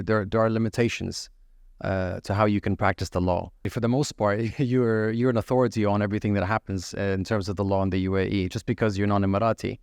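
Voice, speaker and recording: A middle-aged Emirati man with a low, gravelly voice gives podcast interview answers in the measured, steady manner of a practiced lawyer, though he often pauses on fillers and restarts phrases. The recording is dry and close, with no echo.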